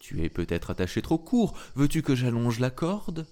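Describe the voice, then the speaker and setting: A man's voice: mid-range voice, sing-song, normal speed, warm tone, soft background music, voice pushed up, close to an everyday voice. A man voicing a worried old farmer who fusses over his goat, in a storybook reading. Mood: fretful.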